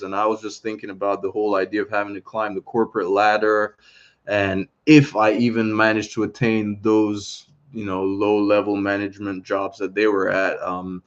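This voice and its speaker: A man who grew up in Italy, chatting casually on a live stream, rambling and tagging "right?" onto his points. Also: lowish voice. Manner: rambling, frequent "right?" tags. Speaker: online business coach. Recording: dull lo-fi sound.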